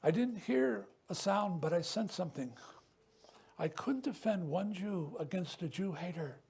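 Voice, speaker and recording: A man speaking at a news conference in an impassioned testimony style, emphatic, falling to a hush on painful memories and rising on defiant points. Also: sits high, lively intonation, a little slow, gravelly, husky. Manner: occasional stumbles and restarts.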